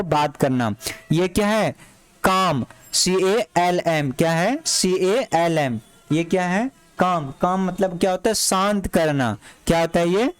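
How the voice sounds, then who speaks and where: High-voiced male teacher drilling words. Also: clear, resonant tone, dry recording, low-quality recording. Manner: repeats each word and asks the class to answer back. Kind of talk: classroom lesson.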